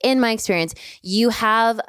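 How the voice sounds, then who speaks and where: A woman's voice: on the high side, normal speed, a bit bright, clear, resonant tone, no echo, studio quality. A woman in her thirties co-hosting a podcast, chatting earnestly and teasing with a laugh. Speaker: podcast co-host. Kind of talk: casual podcast chat.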